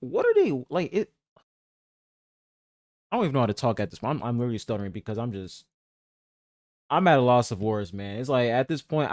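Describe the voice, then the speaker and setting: A man's voice: mid-range voice, a little mellow, dry recording, clean studio sound. A man reacting to a gaming video in casual commentary, exasperated, swearing and stumbling over his words as he talks to his viewers.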